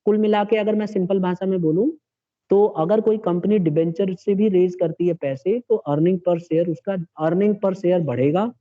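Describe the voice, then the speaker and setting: A man's voice: high-pitched, unhurried. A man teaching a classroom lecture, explaining step by step and checking in with his students. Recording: dull lo-fi classroom recording.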